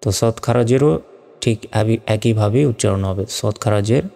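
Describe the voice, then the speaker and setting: A man's voice: on the low side, a little fast, creaky, dark tone, in a large hall. A man teaching Quran reading, patiently drilling Arabic letters and their long vowels one by one. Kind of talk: slow step-by-step Arabic letter pronunciation lesson.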